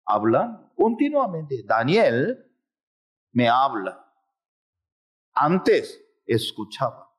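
A man preaching a sermon with drama, acting out the voices he quotes. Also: mid-range voice.

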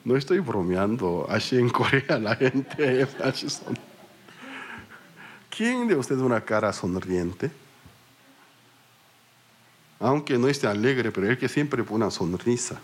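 A man's voice: medium pitch, very animated, measured pace, pauses often, slight background noise. A male pastor from Korea preaching in a Korean accent, telling stories with self-mocking humor and small slips. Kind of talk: sermon.

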